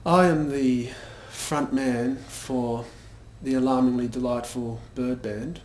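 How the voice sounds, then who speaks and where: A young adult man plays a vain, pompous band frontman in a mockumentary interview, sounding smug, hesitant and full of fillers. His mid-range voice is steady, slow and darkish, only lightly acted. The room is echoey with faint background noise.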